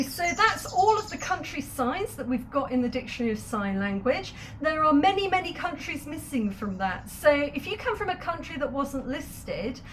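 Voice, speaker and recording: A woman's voice: high-pitched, fairly bright tone, a little hiss or hum. A woman teaching sign language, patiently explaining each sign step by step with light laughs. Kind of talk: instructional video lesson.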